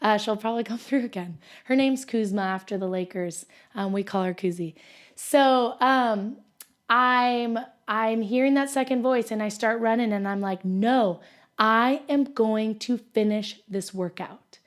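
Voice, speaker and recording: A woman's voice: on the high side, moderate pace. A woman in her twenties hosts a podcast on her own and tells a story in a chatty, casual way, with many ums and likes. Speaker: podcast host. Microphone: home recording for podcast with video.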